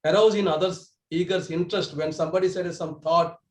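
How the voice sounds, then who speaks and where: This club speaker, a man with a high-sitting voice and fairly even intonation, talks a little fast. He gives a prepared speech over a video call with earnest restarts and self-corrections, and the poor audio is reverberant.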